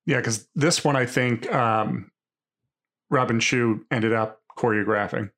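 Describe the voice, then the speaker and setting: A man's voice: medium pitch, measured pace, fairly bright tone. A man co-hosting a casual film discussion, riffing and joking as he goes. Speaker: podcast co-host.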